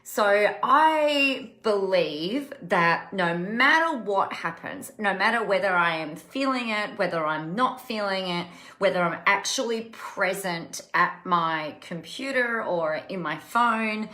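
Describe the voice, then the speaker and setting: A woman's voice: medium pitch, animated, takes it slowly, sharp tone. A woman, hosting a casual live stream as a coach, chatty and emphatic, repeating words for effect. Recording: echoey room.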